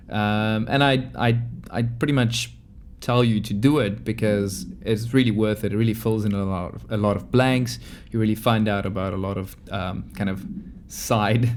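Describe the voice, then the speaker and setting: A man's voice: on the low side, darkish tone. A man hosting a gaming video, giving casual, laid-back, musing commentary as he plays.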